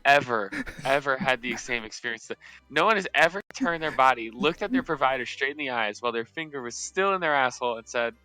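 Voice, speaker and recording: A young man on a stream tells a story casually from his indoor setup, rambling with plenty of restarts and fillers and often breaking into laughter. His medium-pitched voice is lively, sharp, and a little fast. Faint music plays behind him on a low-quality recording.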